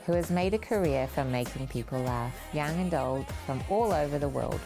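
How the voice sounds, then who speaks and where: A woman's voice: extremely low pitch, lively intonation, normal speed, vocal fry, over music. A woman hosting an interview show, speaking in a presenter's conversational style. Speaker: talk show host. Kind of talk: interview hosting, prepared introduction.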